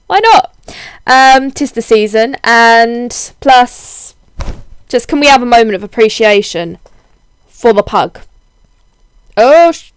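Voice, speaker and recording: A young woman with a cold-hoarsened voice, chatting casually in a rambling, self-deprecating way as a video blogger. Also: a little high, no echo. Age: young adult. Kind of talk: casual chatty vlog, answering tag questions.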